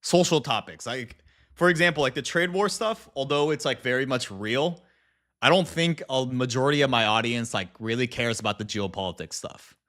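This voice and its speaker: A man's voice: mid-range voice, moderate pace, a bit bright. A man livestreaming in a casual chat with viewers, speaking informally with slang and some swearing. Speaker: live streamer and video creator.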